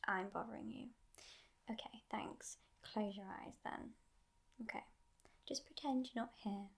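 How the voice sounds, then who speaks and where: A woman playing a teasing but gentle devil in a whispered ASMR role-play, in a breathy, hushed voice with musing pauses. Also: mid-range voice. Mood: coaxing, soothing.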